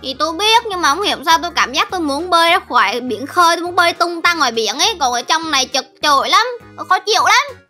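Woman, young, plaintive, game role-play, high-pitched. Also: sing-song, fast, few pauses, sharp tone, faint music behind.

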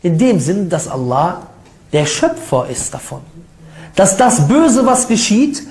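A man giving an informal religious lecture that rebuts critics, lively and mocking, with ironic asides and quick laughs. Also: high-pitched. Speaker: Islamic preacher. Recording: echoey room sound.

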